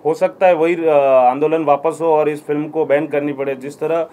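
A man's voice: fairly high pitch, flat delivery, normal speed, warm tone. A man representing an organization, making a firm statement to the press with some hesitations. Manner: firm, declarative, with hesitation fillers.

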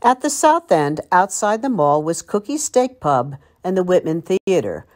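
Unhurried and very animated, an older woman with an American accent narrates a scripted local history piece in a storytelling, reminiscing style. Her lowish voice has a darkish tone; she is a library local history presenter from Long Island, United States.

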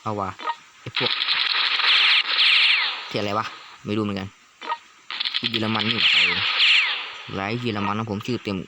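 A young man casually commentating a strategy game, excitable and swearing at times. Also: on the low side, moderate pace, long pauses. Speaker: gaming YouTuber. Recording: loud background noise.

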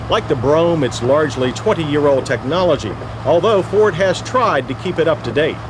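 Lively man narrating a car review. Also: mid-range voice, background noise. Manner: lively, wry delivery. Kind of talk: scripted voice-over narration.

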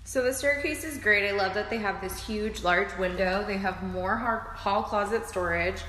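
A woman's voice: medium pitch, normal speed, pushed and bright. A young woman realtor giving an upbeat, chatty home tour, filmed on a phone held at arm's length in an empty house. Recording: echoey empty rooms, faint noise.

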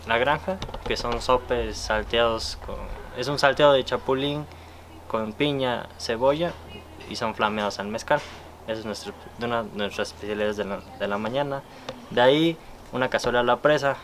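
A man's voice: medium pitch, slight background noise. A young man with a Oaxacan Mexican Spanish accent, a chef describing dishes carefully outdoors. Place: outdoor garden.

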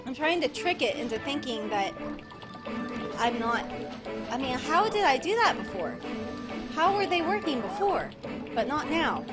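High-voiced exasperated woman game streamer. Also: big pitch swings, a little slow, long pauses. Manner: chatty, rambling and exasperated, bursting into shouting. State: voice worn from screaming. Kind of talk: live gameplay commentary. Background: game music.

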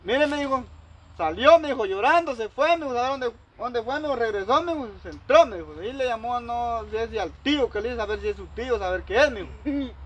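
A man's voice: very high-pitched, lively intonation, fast, fairly bright tone, rough recording. A man telling a long personal story in casual talk, acting out both sides of the conversation. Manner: rambling, heavy use of quoted dialogue. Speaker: storyteller recounting a personal dispute.

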